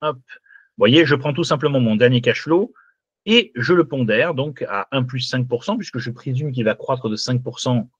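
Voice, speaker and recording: A man's voice: medium pitch, moderate pace, slightly rough, no room sound, highs cut off. A man teaching a live online class who walks through a spreadsheet and keeps asking "d'accord?" to check the students are following. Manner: lively, checks in often with "d'accord?". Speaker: finance teacher.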